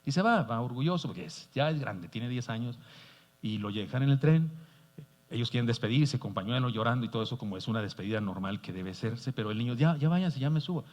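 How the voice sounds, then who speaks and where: Pastor preaching in an echoing church. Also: male voice, medium pitch, fast talker. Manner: earnest, animated storyteller. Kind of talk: sermon with storytelling. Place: church sanctuary. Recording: dull sound, long church reverb.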